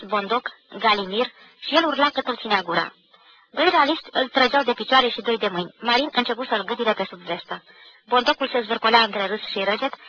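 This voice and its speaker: A woman giving a measured, expressive literary reading of a novel for radio. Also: fairly high pitch. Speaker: reader of a novel. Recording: dull lo-fi 1990 radio recording.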